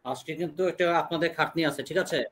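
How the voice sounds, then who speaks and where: A young man with a Bangladeshi accent teaching an online English class, slowly drilling questions and answers for students to repeat. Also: a little high, fairly even intonation, fairly bright tone. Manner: slow deliberate drilling of English sentences.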